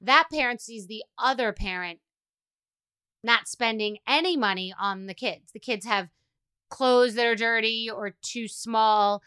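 A woman giving explanatory commentary as a host, putting deliberate stress on key words. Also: a little high, a bit bright, clean tone. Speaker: podcast host, family law commentator.

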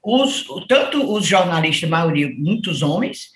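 A woman's voice: on the low side, normal speed, echoey room, crowd noise. A woman from Ceará with a Northeast Brazilian accent, a political journalist chatting as a podcast guest and telling stories, acting out the voices of people she quotes. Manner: animated storyteller, acts out quoted voices. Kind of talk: casual chat.

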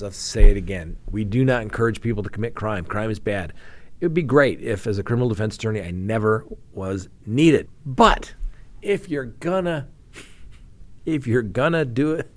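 A man with a slightly low voice hosts a crime news talk show. He reads out case details in a plain way, then breaks off with wry, animated jabs from his view as a criminal defense attorney. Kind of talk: casual commentary on crime news.

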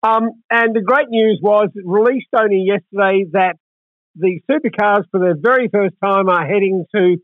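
A man in his seventies hosts a conversational interview. His voice sits high for a man and he talks at some length. The sound is narrow and tinny, with little room around it. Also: dry recording. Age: 70s. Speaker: interview host. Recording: thin, tinny phone-like line.

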